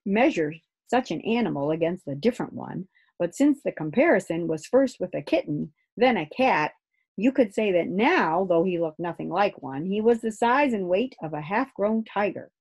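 A woman reading a children's book aloud in a gentle, expressive way. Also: mid-range voice, normal speed, slightly rough. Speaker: storyteller.

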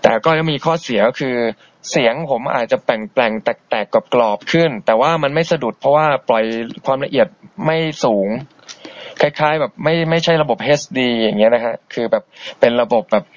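A man hosting an internet radio show, chatting politely and easygoingly as he reads out and answers listener messages. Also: normal speed. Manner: easygoing and polite, chatty, soft-spoken asides. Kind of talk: casual radio chat reading listener messages. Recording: dull, boxy low-bitrate internet radio stream.

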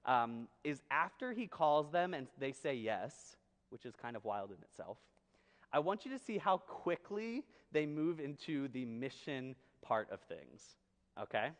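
A man's voice: mid-range voice, sing-song, unhurried. A man preaching a sermon to his congregation, reading scripture and asking them questions in a casual, conversational way. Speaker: pastor. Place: church sanctuary. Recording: long hall reverb.

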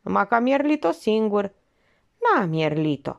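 A woman's voice: mid-range voice, very animated, creaky, dull audio, pitched above the performer's own voice. Audiobook: woman as petty male criminal, coarse and colloquial. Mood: sly. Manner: slangy, colloquial.

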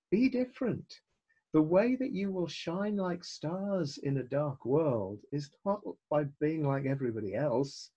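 A middle-aged man preaching a recorded sermon in an unhurried, deliberate way. His voice is slightly husky, and he speaks with earnest conviction, now and then dropping in a wry aside. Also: medium pitch, dark tone, low-quality recording. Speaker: pastor.

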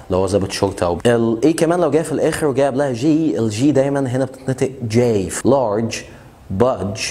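A man with an Egyptian Arabic accent giving a casual pronunciation lesson, repeating example words slowly and checking in with the learner. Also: medium pitch, mellow. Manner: chatty, asks learners questions. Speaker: English teacher.

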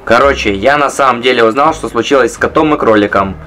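A man's voice: mid-range voice, fast talker, bright, forceful tone, slight background noise. A young adult man speaking scripted comic dialogue. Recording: music under the voice.

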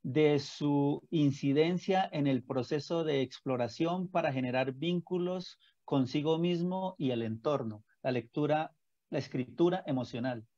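A man's voice: on the high side, measured pace, warm tone, no room sound. A man interviewing a teacher, asking questions in an informal way. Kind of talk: conversational interview. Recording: dry dull lo-fi audio.

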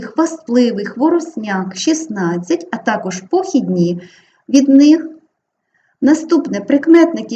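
A Ukrainian woman teaches an exam-prep grammar lesson with a lively, rising-and-falling voice that has a mellow, warm tone. She sounds out each example word clearly and deliberately. The audio is a little dull and lo-fi, with faint hiss underneath. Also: fairly high pitch. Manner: clear, deliberate, drawn-out spelling of example words.

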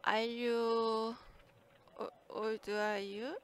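A woman in her forties taking an English lesson over a call, speaking hesitantly with many pauses and fillers. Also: fairly high pitch, little pitch movement, slight background noise. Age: 40s. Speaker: English student.

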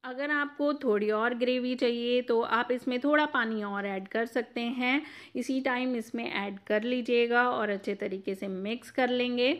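Female cooking host, fairly high and crisp, instructive recipe voice-over. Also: normal speed. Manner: clear step-by-step instructive.

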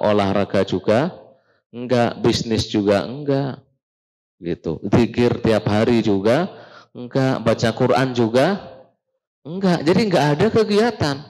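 A man teaching a religious study session to a live audience, lively and joking, often asking the room questions. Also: fairly low pitch, a little slow, low-quality recording. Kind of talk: casual Islamic study talk.

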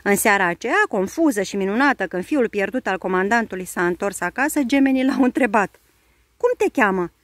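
A woman's voice: medium pitch, no echo. Woman reading a storybook aloud, dry. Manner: lively, expressive storytelling. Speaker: narrator reading a children's book aloud. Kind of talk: storybook read-aloud narration.

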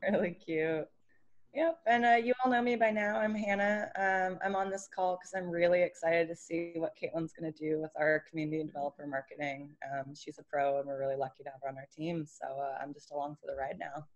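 A woman's voice: low voice, fairly even intonation, fairly quick. A woman who is a team member, chatting casually as she introduces herself on a group call. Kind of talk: casual chat. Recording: dull video-call audio.

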